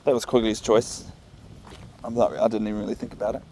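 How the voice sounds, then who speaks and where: Filming on his phone during a walk along a path, a New Zealand-accented vlogger muses aloud as his dog walks with him. He rambles in an unhurried, casual way, and his fairly low, dark voice has little pitch movement. There is slight background noise.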